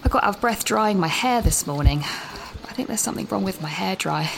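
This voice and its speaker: An actress voices an anxious, chatty young British university student leaving a breathless voice note while walking outside, rambling, interrupting herself and sounding nervous. Her mid-range voice is expressive and brisk, with vocal fry, against a noisy background in this audio drama.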